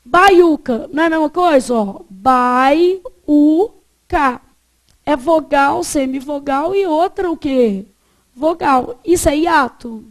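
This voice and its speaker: A woman's voice: high voice, slow. A woman teaching a grammar lesson, asking the class questions and answering them herself.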